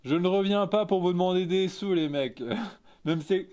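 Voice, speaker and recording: The audio is dull as a high-pitched man with a darkish tone speaks at a moderate pace. He's in his thirties, from Lorraine, with an eastern French accent, live streaming from a small photo studio office and answering the chat casually and candidly in informal slang.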